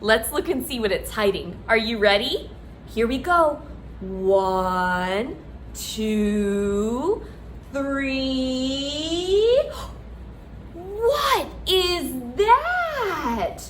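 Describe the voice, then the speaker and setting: A woman's voice: high voice, animated, extremely slow, a little hiss or hum. A woman leading a children's storytime, speaking as if reading to a toddler, with simple questions, encouragement and exaggerated, sing-song expression.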